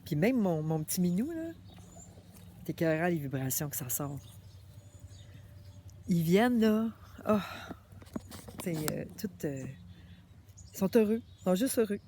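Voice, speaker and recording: A woman with a Québécois French accent, chatting casually straight to her viewers in an animated, familiar way. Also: on the low side, a little slow, long pauses, a little hiss or hum. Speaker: vlogger.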